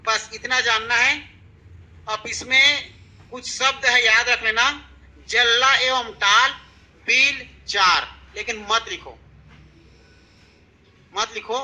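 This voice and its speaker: A man's voice: very high-pitched, pushed and bright, poor audio. A male teacher giving an exam-prep classroom lecture. He repeats key points and keeps asking his students questions, checking with "theek hai".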